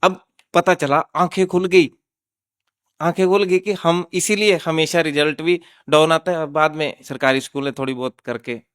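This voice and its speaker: A man's voice: fairly high pitch, normal speed, dry recording, clean studio sound. A man who teaches at a government school, telling how he changed the way he teaches, acting out his own words and his pupils' replies as he goes. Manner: animated anecdotal telling, quoting his pupils. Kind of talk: storytelling in a talk show.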